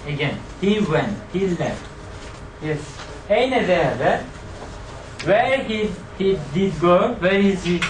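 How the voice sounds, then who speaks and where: Animated and high-voiced, a male teacher works through a grammar lesson at a measured pace, drilling students and repeating their answers. The mic is distant, capturing an echoey room with background noise.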